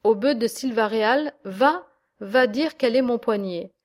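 A woman's voice: fairly high pitch, unhurried, lightly acted. Defiant young man taunting a beaten foe, scornful, woman narrator. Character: proud young male basket-weaver, defiant.

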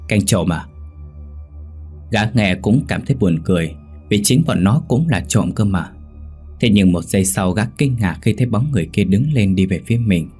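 A male storyteller reads a scripted ghost story in a very deep, husky voice. His delivery is measured and suspenseful. Soft music plays faintly behind him. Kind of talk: scripted horror story narration.

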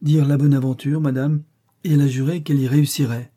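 A man's voice: medium pitch, flat delivery, quick pace, dark tone, voice pushed up, lightly acted. A man voicing a hesitant, deferential male servant in a storybook reading.

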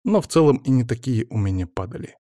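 A man narrates a story in the first person, calm and measured, at an ordinary mid pitch. The recording is dry with no room sound. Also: no echo. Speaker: audiobook narrator.

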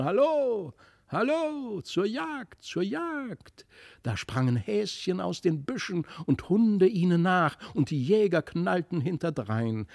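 A man narrating a fairy tale in a studio with expressive, lively storytelling. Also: on the high side, gravelly, no room sound. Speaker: audiobook narrator.

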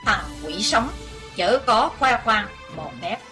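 A woman's voice: a little high, expressive, slow, music in the background. A woman reading the lines of a gaunt, menacing old male demon martial artist in a storybook tale, boastful and threatening.

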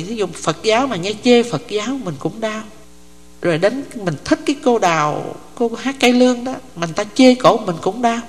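Older nun speaking in an echoing hall. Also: female voice, medium pitch. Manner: conversational, often checks the audience follows. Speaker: Buddhist nun teaching. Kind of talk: dharma talk. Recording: long hall reverb.

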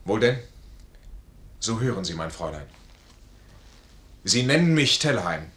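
In a 1950s German radio play recorded in a roomy old studio, a man acts a proud, wounded, discharged army officer, honourable and tormented. His lowish, slightly bright voice is tense and very animated yet measured in pace, bitter and proud in mood. He delivers lines formally, with anguished, declamatory force.

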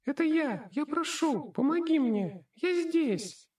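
A man voicing a tiny squeaky trapped spirit that pleads to be set free, in an audiobook. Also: expressive, slow pace, darkish tone, far from the mic, full character voice. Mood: pleading. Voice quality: piercing squeak. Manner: pleading, insistent. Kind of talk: audiobook character voice.

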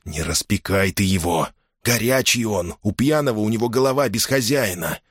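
A man's voice: on the low side, normal speed, no echo, clean studio sound, lightly acted. A man voicing an anxious young Cossack soldier who urges his uncle in an urgent whisper. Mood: pleading.

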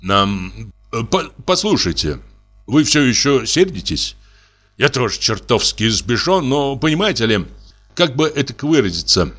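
A man playing a blunt, hot-tempered middle-aged landowner, blustering and halting, as in an audiobook drama reading. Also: mid-range voice, animated, a bit bright, soft background music. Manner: blustering, halting, self-mocking.

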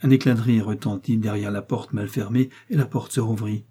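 Guy reading an old novel aloud, dark mellow tone, bit husky. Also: on the low side, fairly even intonation, a little fast. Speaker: audiobook narrator. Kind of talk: classic novel narration.

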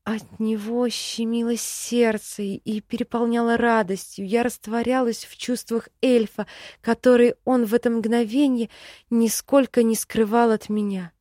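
A woman's voice: fairly high pitch, steady tone, unhurried, warm tone, no room sound, studio quality. A woman narrating a first-person novel in an emotive storytelling manner. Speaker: audiobook narrator.

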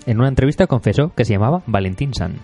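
A man's voice: mid-range voice, animated, very fast, loud music behind the voice. Joking man hosting a podcast. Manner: jokey, runs news segments. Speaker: podcast co-host. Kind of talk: casual chat.

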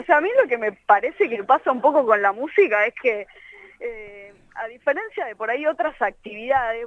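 A high-pitched woman with a Rioplatense Argentine accent talks as a guest musician on a phone interview. She rambles through her story and leans on filler phrases. The line sounds dull and lo-fi, with a dry, close feel. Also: a bit bright, no echo. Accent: Rioplatense Argentine Spanish. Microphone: telephone line.

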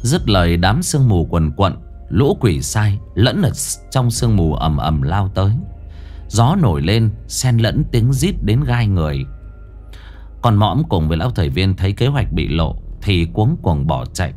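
A man narrating a ghost story in an expressive storytelling manner. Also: fairly low pitch, a little slow, soft background music. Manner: animated, expressive.

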